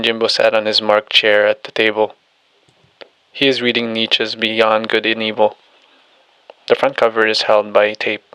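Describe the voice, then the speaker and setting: A man narrating an audiobook and reading every character's lines in an even, steady delivery. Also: on the low side, no room sound, rough recording.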